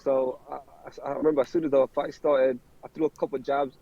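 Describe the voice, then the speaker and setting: A young man talks about boxing at a quick pace, tripping over repeated words. His voice is dark and husky. The recording sounds dull and lo-fi. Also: mid-range voice, level tone, no room sound. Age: 20s. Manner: fast, rambling, repeats words when starting sentences. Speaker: professional boxer, interview guest. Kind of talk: casual interview chat.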